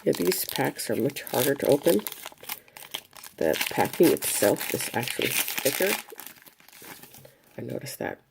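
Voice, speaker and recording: A woman giving casual commentary as she opens trading card packs, listing each card one by one in an unhurried way. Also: very deep voice, lively intonation, gravelly, background noise. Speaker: card collector opening packs. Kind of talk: casual pack-opening commentary.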